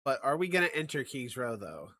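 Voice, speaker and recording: A man's voice: medium pitch, very animated, brisk, pushed and bright, dry recording. A man casting an esports match in a casual, chatty way, often thinking aloud and trailing off. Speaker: esports caster.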